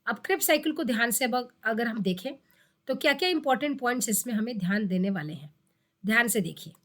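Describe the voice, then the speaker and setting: A woman's voice: fairly high pitch, expressive, fairly quick, fairly bright tone. A woman explaining biology for an exam, repeating key terms and asking herself questions. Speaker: biology teacher. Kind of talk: exam-prep lecture.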